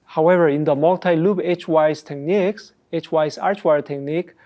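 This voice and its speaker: A middle-aged orthodontist, from Korea but raised in Chile and Peru, explains his work as a guest in a studio interview. His voice is a little high and steady, brisk and warm, and he uses many fillers and restarts.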